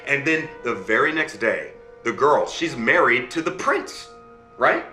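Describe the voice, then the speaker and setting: A man's voice: mid-range voice, expressive, measured pace, bright, forceful tone, echoey room, faint music behind. A man telling a fairy tale to his child over a video call, voicing the characters and checking in with okay and right. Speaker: father telling a bedtime story.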